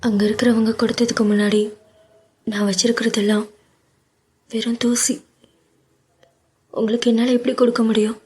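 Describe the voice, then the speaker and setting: A woman's voice: a little high, level tone, normal speed, long pauses, a little mellow, slightly rough. A woman voicing a tearful young woman who feels unworthy, speaking in a choked, trembling voice in a storybook romance. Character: tearful young woman, humble and self-doubting.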